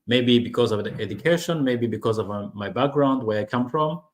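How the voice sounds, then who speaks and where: A Rwandan online business vlogger talks to camera in a relaxed, personal way, speaking English as a non-native with plenty of fillers and false starts. His mid-range voice moves at a moderate pace.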